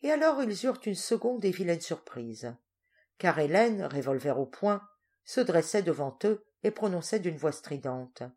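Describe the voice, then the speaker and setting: Low-voiced woman reading a novel expressively. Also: normal speed. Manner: expressive, lively storytelling. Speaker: narrator. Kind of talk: scripted narration of a novel.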